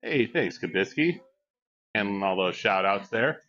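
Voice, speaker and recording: A man's voice: fairly low pitch, expressive, unhurried, a bit bright. A man in his forties chatting casually on a live stream, joking and reading chat aloud. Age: 40s. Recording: dull lo-fi mic.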